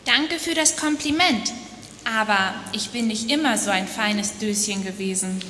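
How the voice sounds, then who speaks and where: A woman's voice: medium pitch, a little slow, sharp tone, reverberant, in a large hall, a little hiss or hum. A woman voicing a long-suffering porcelain box. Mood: pleading. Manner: pleading cries of complaint. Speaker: speaker in a church dialogue sermon. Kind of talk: dramatic first-person storytelling.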